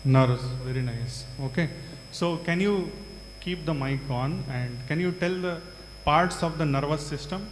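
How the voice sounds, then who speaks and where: A man's voice: fairly high pitch, measured pace. A man with a South Indian accent teaching a large class, repeating answers and prompting students with short questions. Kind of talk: interactive classroom lecture to a large group. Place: large hall. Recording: echoey hall, reverberant, faint hum.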